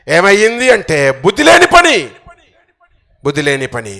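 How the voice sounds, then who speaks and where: Hoarse, gravelly male preacher; fervent sermon, bursts into shouts, repeats himself. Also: high-pitched, wildly swooping pitch, normal speed. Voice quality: strained voice. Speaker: pastor.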